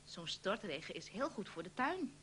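A woman voicing a good-natured, unflappable husband who teases and coaxes in a brighter voice, reading a children's story. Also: big pitch swings, normal speed, slight background noise. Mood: cheerful. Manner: upbeat and coaxing, a bit louder and higher.

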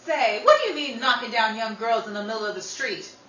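A woman acts in a 1930s radio drama as a hot-tempered, protective older sister, brash, scrappy, slangy, and confrontational. Her voice is on the high side, expressive, fairly quick, and a bit bright. The distant mic gives a roomy sound with faint noise.

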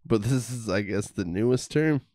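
A man's voice: on the low side, expressive, moderate pace, mellow, no room sound, clean studio sound. A young man hosting a podcast, reading slang terms aloud and laughing through crude banter. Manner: laughing, hesitant, reads out terms. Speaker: podcast host.

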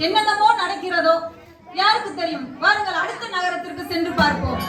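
A woman's voice: very high-pitched, a little fast, recorded from a distance. A woman playing a compassionate queen in a Tamil street-theatre play, speaking in formal, declaiming tones. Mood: regal. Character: stately compassionate queen touring her kingdom. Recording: roomy outdoor stage recording from afar. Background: music and crowd.

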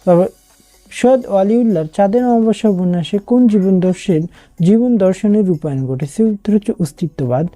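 A woman's voice: medium pitch, fairly quick, mellow, faint music behind. A woman with a Bangladeshi Bengali accent, working through exam prep questions as a tutor, reading each question and then giving its answer. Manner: reads questions then gives answers, with some restarts.

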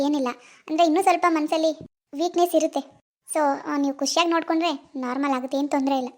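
A woman voicing a calm cartoon doctor who gives steady, instructive advice to a patient's family. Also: sits high, close to an everyday voice.

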